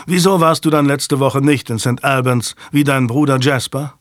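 A man's voice: mid-range voice, fairly even intonation, normal speed, no room sound, clean studio sound, natural voice. A man voicing a grave medieval nobleman. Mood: stern. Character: stern middle-aged nobleman, grave father.

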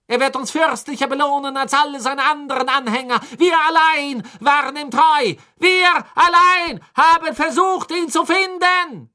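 A fanatical dark witch hurls defiant proclamations in a shrill, high, forceful voice, as an audiobook reader puts her on. She sounds fierce and unshakeable. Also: normal speed, hardly any pauses. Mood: fanatical defiance.

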